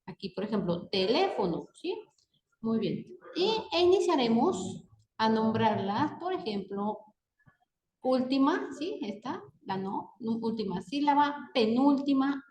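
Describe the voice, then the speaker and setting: A woman's voice: on the high side, lively intonation, a little slow, darkish tone. A woman teaching a grammar lesson, patient and checking in with the class after almost every point. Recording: echoey room.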